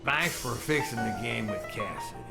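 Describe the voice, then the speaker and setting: A man's voice: medium pitch, animated, normal speed, gravelly. An actor playing a boisterous older male Texan gambler with a Texan accent, folksy and laughing. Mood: jovial. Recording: game audio with music behind.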